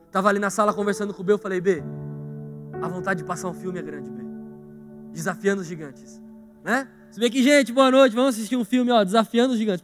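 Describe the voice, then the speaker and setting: A young Brazilian pastor with a strikingly high voice, preaching with animated energy and firing question after question at his listeners. Soft music plays faintly underneath in the church hall. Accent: Brazilian Portuguese. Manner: animated, asks the congregation questions often. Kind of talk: lively sermon.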